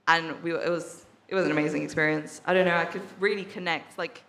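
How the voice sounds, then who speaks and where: Speaking in a lowish, slightly bright voice, a young woman from England gives her testimony at a church service as a workshop participant. She's relaxed and talkative, using lots of fillers and laughing frequently, in an echoey hall.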